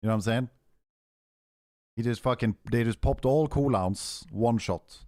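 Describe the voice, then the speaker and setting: A man's voice: medium pitch, unhurried, a little mellow, dry recording, clean studio sound. A man with a Norwegian accent, chatting casually on a game stream in a laid-back, profane way full of gamer slang. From Norway.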